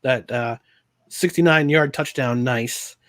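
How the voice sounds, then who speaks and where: A man's voice: mid-range voice, slow pace, a bit bright. A man co-hosting a casual football reaction show, recapping plays with mock exasperation. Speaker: podcast co-host. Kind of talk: casual sports chat.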